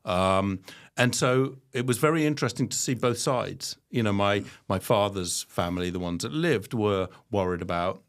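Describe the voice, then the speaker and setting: Low-voiced man, reflective. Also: normal speed. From London, England. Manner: reflective, with frequent ums and restarts. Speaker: guest. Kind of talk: conversational interview.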